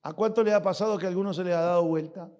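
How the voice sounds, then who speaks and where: Animated high-voiced man preaching. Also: very fast. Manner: animated, acts out dialogues with God, asks the congregation questions. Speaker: pastor. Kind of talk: sermon. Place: church.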